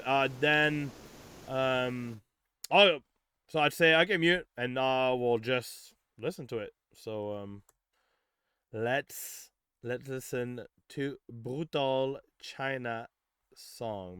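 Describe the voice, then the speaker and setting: A man's voice: medium pitch, takes it slowly, a bit bright, clear, resonant tone, dry recording, studio quality. A man hosting a live demo review stream, giving casual feedback in a loose, rambling way full of fillers and easy swearing. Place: home studio on a Discord call.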